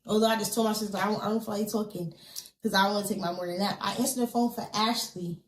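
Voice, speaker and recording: A woman's voice: mid-range voice, fairly even intonation, quick pace, roomy sound, low-quality recording. A woman, a podcast guest, telling a personal story in earnest detail, acting out what others said and tossing in casual fillers. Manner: earnest, vivid retelling with quoted dialogue and many fillers.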